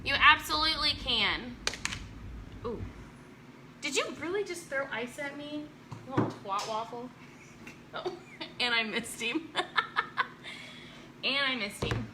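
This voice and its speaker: Woman, live-stream craft host, teasing and laughing, unhurried talk, clear background noise. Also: high voice, animated. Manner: joking, teasing, laughs often. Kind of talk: casual live-stream chat with viewers. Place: at home.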